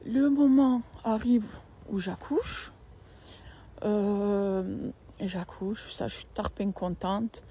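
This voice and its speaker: A woman's voice: mid-range voice, fairly even intonation, takes it slowly, dark tone, husky, lo-fi sound. A young woman, telling a personal story in a casual, slangy, emphatic and repetitive way.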